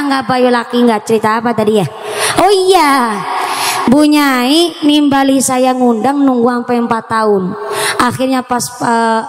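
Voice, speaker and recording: A woman's voice: high-pitched, echoey room, in a large hall. A woman preacher giving a chatty, humorous sermon outdoors, slipping into phrases as she tells her story. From Cilacap, Central Java, Indonesia. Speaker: female Islamic preacher. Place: outdoor religious gathering in the heat.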